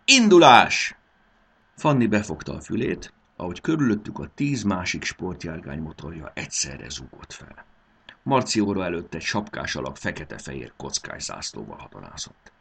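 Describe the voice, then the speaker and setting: A man narrating a children's story in an expressive, animated reading. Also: sits low, creaky, slightly rough. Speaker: audiobook narrator.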